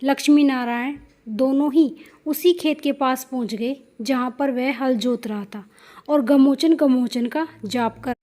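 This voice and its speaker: A woman with a high voice tells a devotional folk story. She keeps a steady, plain storytelling pace and often repeats her phrases. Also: measured pace.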